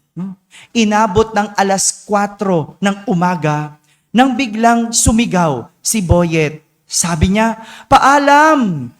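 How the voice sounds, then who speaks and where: A male priest preaching a homily, telling a story and tagging his lines with "no?". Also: high-pitched. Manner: tells a story with frequent "no?" tag questions. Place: church. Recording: long church reverb.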